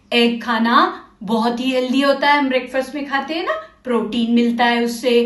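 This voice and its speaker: A woman teacher walks learners through a literacy lesson, slow and patient, repeating each word. Her voice sits high. The room around her echoes. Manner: slow, patient, coaxing, repeats words and asks questions.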